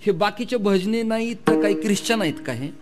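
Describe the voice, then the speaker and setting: A man's voice: sits high, animated, fairly quick. A man preaching a devotional kirtan sermon to a gathering, emphatic, firing rhetorical questions and long lists, speaking into a mic with faint devotional music behind. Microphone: mic through a sound system.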